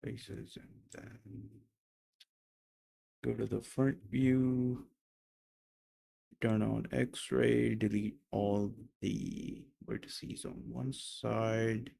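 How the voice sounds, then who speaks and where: Young guy mumbling while he models stuff on stream, slow, kinda low voice. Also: level tone, gravelly, mellow, husky, poor audio. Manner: mumbly, muttering to himself. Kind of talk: casual thinking aloud while modeling.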